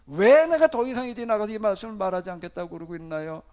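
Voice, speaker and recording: A man's voice: high-pitched, quick pace, darkish tone. A male pastor preaching a sermon in a conversational style, asking the congregation rhetorical questions and acting out laments.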